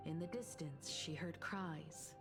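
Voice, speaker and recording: An actress playing a thoughtful, resolute young woman in a video game, speaking in a measured, earnest way. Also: low voice, music in the background. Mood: storytelling. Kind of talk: dramatic video game voice acting.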